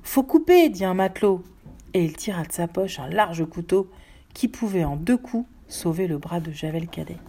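A woman reads a story aloud with measured, expressive phrasing. Her voice is fairly low and dark in tone, with a husky edge.

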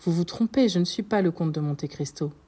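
A woman's voice: lowish voice, a little fast, warm tone, husky. A woman reading the lines of a grave, solemn nobleman who confronts and forgives his enemy, in an audiobook.

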